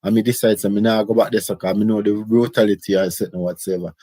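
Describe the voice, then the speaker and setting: A man's voice: lowish voice, fairly even intonation, quick pace, dark tone, no echo. A middle-aged Jamaican man telling his life story in casual, rambling patois. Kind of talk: casual autobiographical chat.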